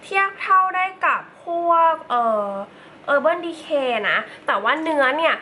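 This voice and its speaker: Bright-voiced chatty woman doing makeup. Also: high-pitched, lively intonation, measured pace, slight background noise, poor audio. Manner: chatty, playful asides to viewers. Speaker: beauty vlogger. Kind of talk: casual makeup tutorial chat.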